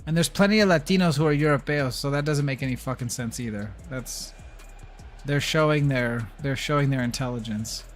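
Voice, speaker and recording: A man's voice: medium pitch, fairly quick, soft background music. A man streaming a video game and chatting casually, ranting bluntly and swearing. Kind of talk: casual livestream chat while gaming.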